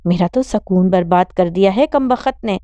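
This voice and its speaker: A woman voicing a fierce, doting mother who wails and scolds in a sharp-tongued way. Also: mid-range voice, dry recording, lo-fi sound, natural voice. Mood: scolding. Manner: wailing, cursing, sharp-tongued.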